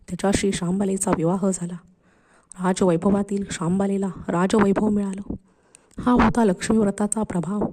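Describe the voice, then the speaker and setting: A woman narrating a devotional folk story slowly and expressively, voicing the characters' lines herself. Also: mid-range voice. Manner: slow, expressive reading with voiced dialogue.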